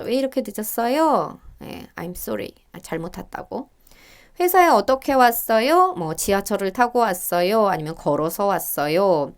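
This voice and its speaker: A middle-aged woman teaching Korean, working through reading test questions and reading the example dialogues aloud in a higher, livelier voice. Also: clear, resonant tone. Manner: thinks aloud with fillers and small laughs.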